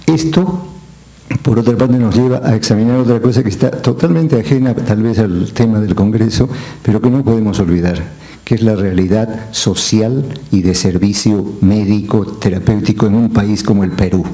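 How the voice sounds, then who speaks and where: A man speaking as a panelist at an academic conference, measured and reflective, pausing often on fillers. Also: lowish voice, warm tone.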